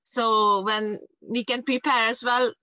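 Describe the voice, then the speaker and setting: A woman's voice: fairly high pitch, fairly even intonation, takes it slowly, bright, forceful tone, no room sound, lo-fi sound. A woman in casual chat, explaining her plans at length and repeating her points.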